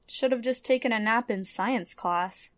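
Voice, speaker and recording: A woman's voice: a little high, a little slow, no room sound, studio quality, lightly acted. A woman playing a cynical, slacker student in a radio comedy drama, casual and matter-of-fact. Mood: dismissive.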